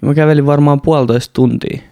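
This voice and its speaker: A man's voice: a little high, steady tone, dark tone, no room sound, studio quality. A young man, rambling and swearing a lot as he hosts a casual solo podcast. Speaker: podcast host. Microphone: studio mic close up.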